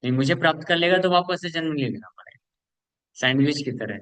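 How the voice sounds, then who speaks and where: A man's voice: a little high, lively intonation, fairly quick, fairly bright tone, no echo, low-quality recording. A man from India giving a scripture lecture, earnest and repetitive for emphasis, slipping English words into his talk and acting out listeners' excuses. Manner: earnest, repeats points for emphasis, mixes English words into Hindi; acts out listeners' excuses in asides. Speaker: preacher giving a scripture class.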